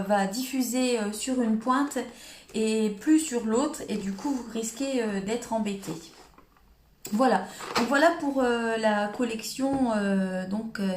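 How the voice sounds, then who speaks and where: A woman with a northern French accent hosting a live crafting demo from her phone, nervous and hesitant, with many fillers. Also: a little high. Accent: northern French, Cambrésis. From northern France. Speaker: crafting livestream host. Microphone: phone held in hand. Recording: echoey room, faint noise.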